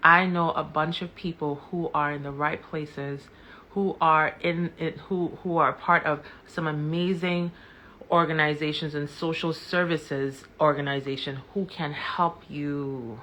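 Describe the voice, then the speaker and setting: A woman's voice: low-pitched, steady tone, a little slow, bright, forceful tone, a little hiss or hum. A woman giving impassioned commentary on a live stream, repeating words and questions for emphasis.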